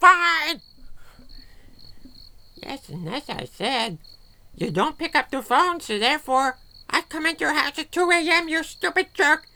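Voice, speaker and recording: A woman's voice: high voice, expressive, moderate pace, exaggerated voice. A woman voicing a bossy, short-tempered, meddling aunt in an amateur comedy audio drama, scolding and snapping insults. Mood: shouting. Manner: scolding, nagging, snaps and shouts insults.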